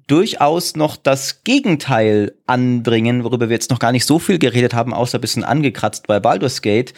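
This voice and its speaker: A man in a podcast discussion, arguing in an animated, lively way with restarts. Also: medium pitch.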